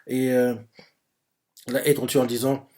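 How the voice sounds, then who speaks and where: A man with a mid-range, dark voice speaks at a moderate pace in a flat delivery. He hosts a live manga reaction stream, reading each page and thinking aloud, hesitant and full of fillers like "euh" and "en gros." He explains as he goes and summarizes other people's lines, reading them in his own voice.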